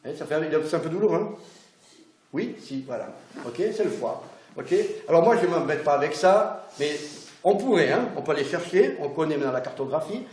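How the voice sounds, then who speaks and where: A chatty middle-aged massage instructor leads a hands-on class, demonstrating techniques and checking in with his students. His voice is fairly high with a darkish tone, heard in a roomy echo with faint background noise.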